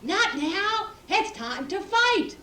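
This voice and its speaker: Woman playing an excitable, very high scolding child. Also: slow pace, exaggerated voice. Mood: urgent. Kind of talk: acted storybook recording. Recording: echoey, noisy, crowd behind.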